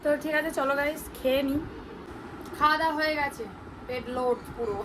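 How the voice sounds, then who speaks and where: Her voice sits high, a bit bright and fairly even in intonation as this young mother talks briskly to her vlog viewers, often laughing while she introduces her family. Filmed indoors at her home and a relative's house, the clip has a little hiss or hum.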